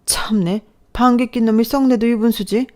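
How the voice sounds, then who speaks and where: A woman's voice: on the low side, lively intonation, normal speed, darkish tone, natural voice. A woman voicing a snobbish middle-aged mother-in-law who scolds and belittles her daughter-in-law in a scripted story narration. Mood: scolding.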